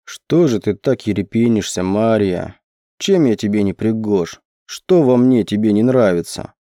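A man playing a hulking gruff forest man, slow low growl, dark voice, storybook. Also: animated, dry recording, clean studio sound. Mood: soft.

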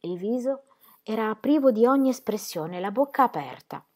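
A woman reading a novel aloud in a measured, expressive way. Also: fairly high pitch. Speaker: audiobook reader.

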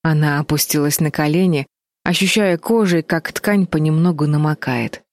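Low-voiced woman reading a story. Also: normal speed, dry recording. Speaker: audiobook narrator. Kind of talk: scripted narration.

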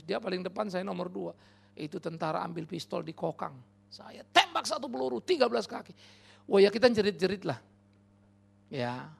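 A man preaching a passionate sermon, swinging from quiet, low remarks to loud, high exclamations, with mocking quoted voices. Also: creaky, breathy edge. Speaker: pastor.

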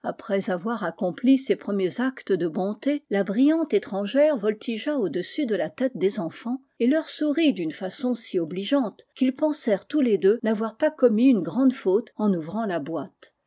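A woman reading a storybook aloud as an audiobook narrator, measured and expressive. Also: mid-range voice. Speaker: audiobook reader.

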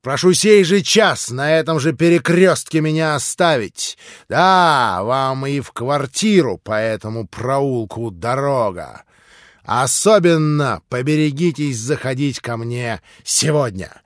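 A man voicing an agitated, proud young man who shouts in bitter outbursts. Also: low-pitched, very animated, takes it slowly, few pauses, breathy edge, dry recording, studio quality, exaggerated voice. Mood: cold scorn. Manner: shouting, sharp, rising to cries.

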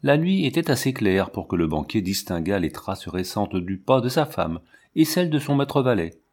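In a fairly low voice, a man reads a classic novel for an audiobook with an even, measured narration.

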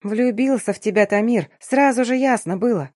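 A woman's voice: fairly high pitch, normal speed, no room sound, clean studio sound, pitched above the performer's own voice, close to an everyday voice. A woman voicing a young female friend who whispers her news in a scared, teasing, conspiratorial way. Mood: sly teasing. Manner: hushed, whispering, sly.

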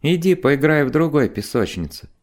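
A tall, unflappable woman speaks in a soft, velvety voice, as a male narrator puts her on. The pitch is lifted above his plain reading and moves in lively arcs. She stays cool and composed. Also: moderate pace.

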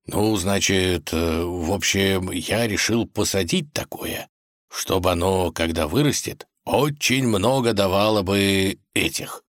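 A man's voice: deep voice, takes it slowly, no room sound, studio quality. A man doing a sly, bossy fairy-tale wolf. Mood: scheming. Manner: sly, commanding, self-assured. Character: cunning male grey wolf, self-important schemer.

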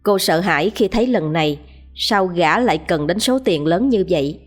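A woman narrating a written story in a calm, even manner. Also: fairly low pitch, moderate pace, faint music behind.

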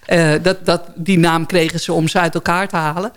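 A woman's voice: lowish voice, a little fast. Chatty woman telling radio anecdotes. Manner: lively anecdotes, frequent restarts and laughter. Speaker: radio guest. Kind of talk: casual storytelling chat. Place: radio studio.

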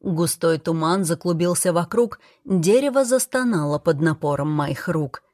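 A woman narrating a fantasy audiobook in the first person, in a measured, steady storytelling manner. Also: on the low side, no room sound, clean studio sound.

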